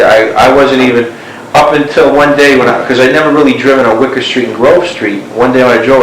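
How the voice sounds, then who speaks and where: A man being interviewed on an old cassette tape, talking in a meandering way full of "you know" and "like". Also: medium pitch. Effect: old cassette tape recording. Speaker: interviewee, former neighbor. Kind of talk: rambling recorded interview. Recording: hissy echoey cassette tape.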